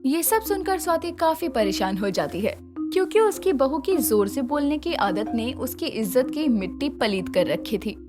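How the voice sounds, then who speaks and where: A woman narrating a cartoon moral story in an expressive storytelling manner. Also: high-pitched, normal speed, music in the background.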